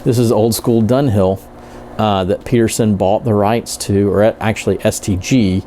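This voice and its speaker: A man giving a casual, rambling product review, halting and correcting himself as he goes. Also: lowish voice, fairly even intonation, warm tone, slight background noise. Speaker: pipe tobacco reviewer.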